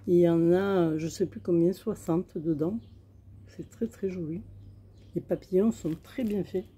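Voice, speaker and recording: A woman chats slowly through a crafting haul, pausing often to search for words. Her voice sits a little low and sounds very dark and mellow. A faint outdoor hum runs behind her phone recording. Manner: chatty, hesitant, many fillers. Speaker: crafting vlogger. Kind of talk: casual show-and-tell haul. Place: outdoors in sunshine.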